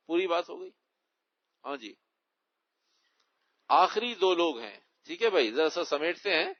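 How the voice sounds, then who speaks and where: A man, an Islamic scholar, lays out religious rulings for an audience in a Q&A lecture, repeating key words to drive them home. His voice sits a little high. The recording is dull and lo-fi. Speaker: Islamic scholar answering questions.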